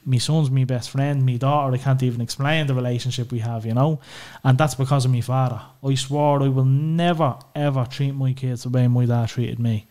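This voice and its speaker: This Irish podcast guest speaks at a medium pitch with a dark tone. He's open and emotional discussing his family in a candid personal exchange, and he curses casually while leaning on plenty of "you know" filler.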